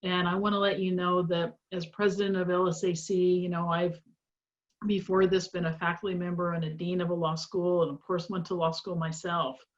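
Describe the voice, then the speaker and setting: Lowish-voiced middle-aged woman welcoming folks to a webinar, earnest and encouraging, audio a bit dull like a video call. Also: level tone, moderate pace. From small town in Indiana, US. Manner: earnest, encouraging, with frequent fillers. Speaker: organization president introducing the webinar.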